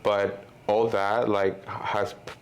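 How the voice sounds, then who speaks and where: A man from Honduras in his thirties, talking as an interview guest. His voice is very low and flat, with a gravelly edge, and he rambles along with plenty of "you know" and "like". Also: slow pace. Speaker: guest filmmaker. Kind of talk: casual interview.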